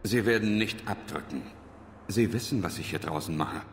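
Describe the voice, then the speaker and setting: Casting: male actor as resolute sci-fi game commander, very low voice, stern and blunt, long reverb around him. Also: moderate pace, natural voice. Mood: firm. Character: hard, resolute male human military commander. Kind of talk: dramatic video game acting. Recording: reverberant, faint noise and ambience.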